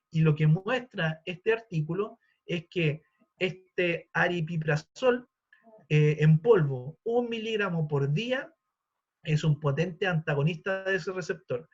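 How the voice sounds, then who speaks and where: A man in his forties giving a live online lecture, explaining step by step with frequent fillers and restarts. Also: a little high. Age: 40s. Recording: dull lo-fi sound.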